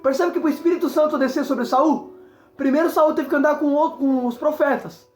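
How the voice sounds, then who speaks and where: Woman evangelist, high bright voice, emphatic and repetitive sermon delivery in an echoey room. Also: steady tone, moderate pace, soft background music. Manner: emphatic, repetitive, exclaims often. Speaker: evangelist preacher.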